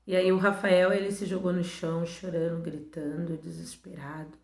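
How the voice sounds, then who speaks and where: Soft-spoken woman, roomy echo. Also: on the low side, level tone, moderate pace, vocal fry. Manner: soft, emotional storytelling with hushed, faltering passages. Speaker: missionary. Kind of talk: personal faith testimony. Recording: roomy echo with faint background music.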